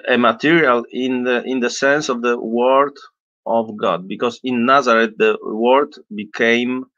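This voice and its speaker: A man in his fifties explains things off the cuff in non-native English. He speaks slowly and haltingly at a medium pitch, searching for words. The webcam recording is dull and lo-fi, with little room echo. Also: fairly even intonation, bright, forceful tone. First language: not English. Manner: halting, hesitant, searching for words, frequent throat-clearing. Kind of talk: unscripted explanatory talk. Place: small indoor room with bookshelves.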